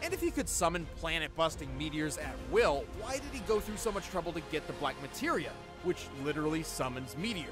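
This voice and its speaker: A man's voice: a little high, big pitch swings, a little fast, few pauses. A man playing an earnest, nerdy scientist co-host, giving precise scripted analysis. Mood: analytical. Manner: precise, explanatory. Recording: voice over background music.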